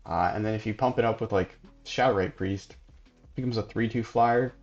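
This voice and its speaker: A man hosting a gaming channel, casually commenting on gameplay and thinking aloud in a relaxed, sleepy way. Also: fairly low pitch, normal speed, dull audio, faint music behind. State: sleepy, yawning.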